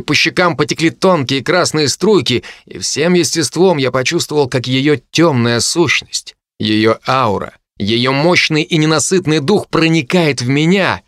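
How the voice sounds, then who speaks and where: A man narrating a fantasy audiobook in an expressive, dramatic reading. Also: mid-range voice, dry recording, clean studio sound. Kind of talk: scripted narration.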